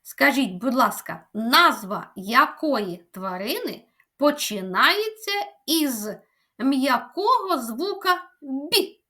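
Woman preschool teacher from Ukraine for a kids' speech lesson: high, lively, sing-song and unhurried. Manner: slow, sing-song teacherly delivery, stretching words.

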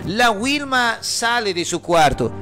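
A man's voice: high voice, big pitch swings, slow pace. A man telling a dramatic story in the first person, casual and full of fillers. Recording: music playing behind.

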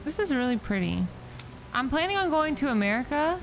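A woman's voice: high voice, very animated, a little fast. A young woman in her twenties with a South African accent, chatting as she plays a game. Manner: chatty, easily amused. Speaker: streamer. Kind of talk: gameplay commentary. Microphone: close desk mic.

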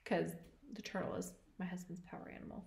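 A woman's voice: on the low side, flat delivery, a little fast, gravelly, a little mellow, roomy sound. A woman co-hosting a podcast, chatting casually and enthusiastically about knitting. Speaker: podcast co-host.

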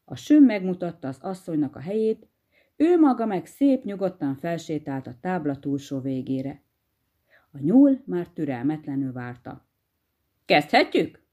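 Expressive woman telling a fairy tale. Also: low-pitched. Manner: lively, expressive storytelling. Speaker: storyteller.

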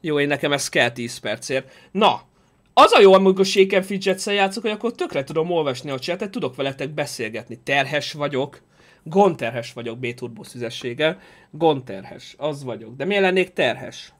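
Male streamer with a high voice, animated and jokey, reads the chat aloud. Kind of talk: casual live-stream chat.

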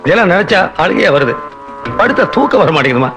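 A man's voice: high-pitched, very animated, fast talker, creaky, dull audio, over music, exaggerated voice. An actor playing a blustering older rich father-in-law in a film comedy, grumbling at his wife and threatening others. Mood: plaintive.

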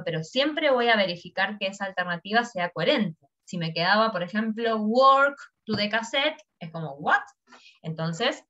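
A bright, animated woman with a Rioplatense Spanish accent runs a recorded beginner English lesson, repeating key phrases slowly and explaining them in Spanish. Her voice sits a little high and swings widely in pitch. The recording sounds dull and lo-fi. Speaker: English teacher.

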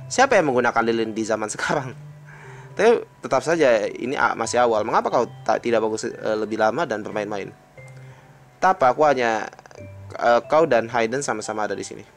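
Here the same kind of reading moves at a brisk clip with soft music underneath: a man with an Indonesian accent works through visual novel dialogue, adding offhand remarks between lines. Each character comes out in his own voice, though excited lines push his pitch sharply upward.

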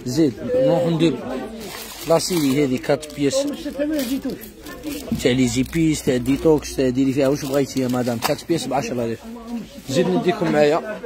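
Give me a quick Algerian shopkeeper, a man hawking housewares in a fast patter over crowd noise. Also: mid-range voice. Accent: Algerian Arabic. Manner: calls out prices and addresses customers directly. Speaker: shop salesman. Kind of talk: rapid sales patter. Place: busy housewares shop.

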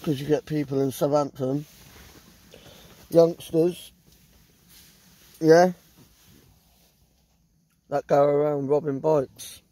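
Inside a small tent in the woods at night, a middle-aged vlogger with a southern English accent rambles bluntly and swears a lot into a handheld phone held close. His fairly high voice is mellow and fairly even, slow with long pauses, and the audio quality is poor.

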